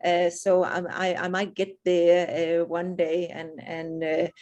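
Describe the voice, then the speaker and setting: A woman presents at an online webinar over a video call, her lowish, darkish voice delivered slowly and completely flat. She speaks hesitantly, restarting often and leaning on fillers, and she is not from South Africa.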